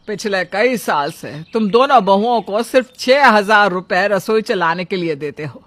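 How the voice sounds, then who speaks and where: A woman plays a stern cartoon mother-in-law who lectures and scolds. She talks with the firm, loud weight of someone setting her family straight. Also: mid-range voice, no room sound, close to an everyday voice. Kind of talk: cartoon voice acting.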